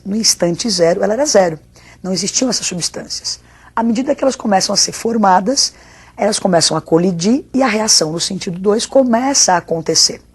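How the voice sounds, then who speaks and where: A woman's voice: fairly low pitch, a little mellow, breathy edge. A Brazilian woman teacher giving a spoken video lesson in a didactic way, with rhetorical questions and check-in tags. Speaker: chemistry teacher.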